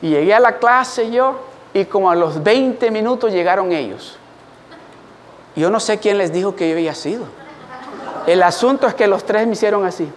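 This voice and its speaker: A man preaching a sermon as pastor, an animated storyteller calling on the congregation to respond. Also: sits high, normal speed, in a large hall, some chatter behind, slight background noise.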